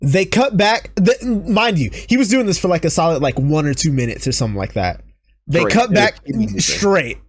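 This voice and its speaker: Animated young man recapping wrestling. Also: a little high, a little fast, a crowd in the background. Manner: animated recapping, acts out quoted lines in raised voices. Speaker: podcast host. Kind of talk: casual chat.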